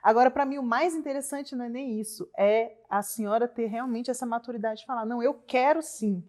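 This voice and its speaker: Woman co-host, higher voice, calm, agreeable, reflective. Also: quick pace. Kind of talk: casual chat.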